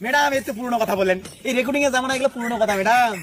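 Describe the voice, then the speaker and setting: A man's voice: extremely high pitch, racing, background noise. A man in a comic phone skit, cheeky, flirty and mocking as a loan defaulter.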